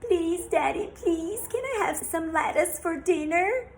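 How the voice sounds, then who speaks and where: A woman's voice: extremely high pitch, lively intonation, unhurried, slight background noise, voice pushed up, full character voice. A woman voicing a young girl in a children's story, pleading in a raised voice.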